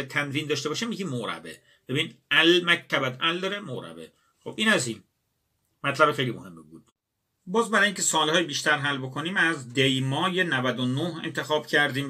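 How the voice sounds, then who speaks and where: A man's voice: fairly high pitch, bright, forceful tone. A male teacher walking students through exam exercises, asking questions and answering them himself. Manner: addresses students directly, asks and answers his own questions. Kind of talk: exam-prep grammar lesson.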